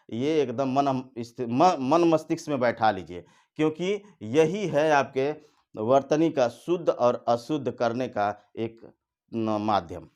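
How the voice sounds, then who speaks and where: A male teacher giving an exam-prep grammar lesson at a board, repeating key definitions slowly and telling students directly what to remember. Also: mid-range voice. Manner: addresses students directly with instructions.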